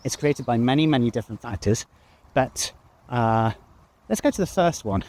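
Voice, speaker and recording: A man with a Received Pronunciation accent, rambling in a relaxed way while walking his dog outdoors. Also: medium pitch, normal speed. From England. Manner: chatty, relaxed, with frequent ums and uhs. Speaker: vlogger. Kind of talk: casual explanatory ramble.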